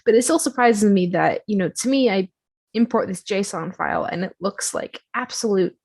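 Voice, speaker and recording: A woman's voice: medium pitch, normal speed, darkish tone. Woman doing a laid back screen share tutorial, chatty, jokes at herself, lots of ums. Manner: chatty, self-deprecating, lots of fillers. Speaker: software tutorial presenter.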